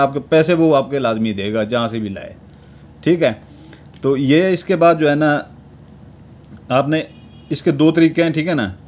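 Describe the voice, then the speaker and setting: A man with a Pakistani Urdu accent calmly teaching how to draw a charm step by step, checking in with a repeated tag after each step. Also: on the high side. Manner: unhurried, repeats a verbal tic after nearly every step. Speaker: amulet-making teacher. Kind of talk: step-by-step instructional talk.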